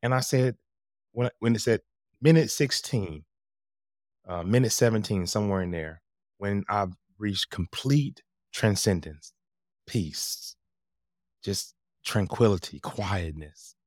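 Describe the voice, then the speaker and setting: A man with a low, magnetic voice, speaking as a podcast guest and coach in an animated, emphatic conversational storytelling style. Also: slow pace, pauses often, no echo, clean studio sound.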